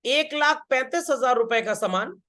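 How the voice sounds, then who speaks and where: A man's voice: very high-pitched, animated, moderate pace, bright, forceful tone. A man teaching an accountancy lesson, who keeps asking his students whether they have understood and repeats his key points. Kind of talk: classroom lecture.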